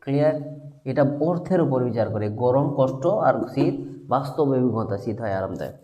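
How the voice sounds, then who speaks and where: A male teacher giving a lecture, dictating slowly, repeating key points and often checking whether students have understood. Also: mid-range voice, expressive, warm tone. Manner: repeats key points, keeps asking if it is clear; dictates slowly for note-taking. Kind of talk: classroom lecture on logic.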